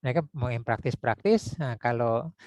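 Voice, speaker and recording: A man teaching public speaking in a casual lecture, talking conversationally with frequent tag words and demonstrating deep and high vocal tones. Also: moderate pace, a little mellow, dry recording. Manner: conversational, frequent "ya" and "gitu ya" tags.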